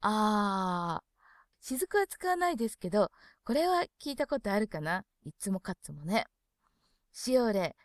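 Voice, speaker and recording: A woman works through a dialect dictionary, reading each entry clearly before slipping into soft, chatty asides. Her voice sits at an ordinary middle pitch, and the recording is dry and close, with no room sound. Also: sing-song, measured pace, no room sound. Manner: reads entries clearly, then adds soft, chatty asides. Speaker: dialect lesson presenter. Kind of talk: reading dictionary entries aloud and commenting.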